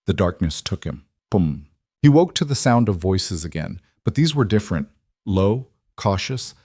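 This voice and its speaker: Guy with a lowish voice reading a western tale, dry close sound. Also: warm tone, dry recording. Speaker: narrator. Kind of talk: scripted story narration.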